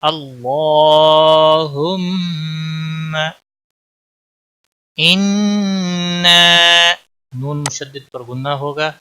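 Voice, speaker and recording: A man teaching Quran recitation rules, chanting each phrase slowly and drawn out, then explaining in plain spoken instruction. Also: medium pitch, fairly bright tone. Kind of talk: tajweed lesson, chanted examples then explanations.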